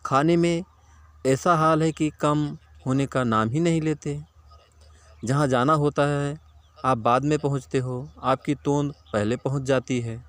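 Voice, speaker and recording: A man voicing a sharp-tongued village wife who nags her husband. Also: a little high, steady tone, a little slow, no room sound, pitched above the performer's own voice, natural voice. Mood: nagging. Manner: scolding, matter-of-fact.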